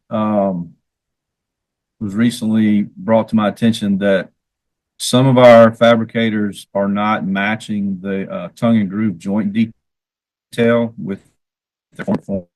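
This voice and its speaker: A man presenting at a technical webinar over a video call, his audio choppy and cutting in and out, talking haltingly with many fillers and restarts. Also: lowish voice, steady tone, darkish tone, poor audio. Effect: choppy audio cutting in and out over a weak online connection. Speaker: engineer presenting standard plan updates. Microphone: computer mic on a video call.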